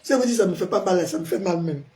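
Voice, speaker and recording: A pastor hosting a live stream, hoarse from a sore throat and forcing his voice out as he chats with viewers and answers their comments. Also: high voice, lively intonation, fast, a little mellow. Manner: chatty, greets viewers by name and answers comments.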